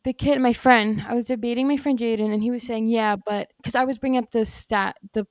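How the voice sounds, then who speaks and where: Young woman, podcast co-host, chatty, animated, high-ish voice, dry sound. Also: fast, no room sound. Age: young adult. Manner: chatty, animated, lots of fillers. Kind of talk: casual sports chat. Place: home with dogs.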